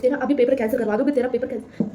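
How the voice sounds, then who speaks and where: A woman's voice: sits high, fairly even intonation, rapid-fire, dark tone, slight background noise, natural voice. A young woman imitating a strict female exam invigilator as she scolds a student. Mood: scolding.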